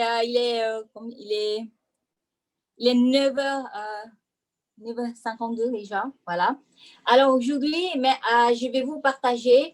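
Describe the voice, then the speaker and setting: Woman teacher, slightly high voice, hesitant presenter full of fillers, video call audio. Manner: hesitant, many fillers and restarts. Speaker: French teacher presenting at an online forum. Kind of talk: online presentation.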